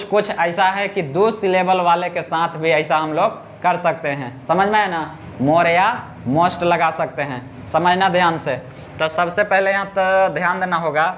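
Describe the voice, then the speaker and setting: A male teacher, teaching grammar in class, repeating words slowly and often asking his students whether they understood. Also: sits high, fairly bright tone, a little hiss or hum.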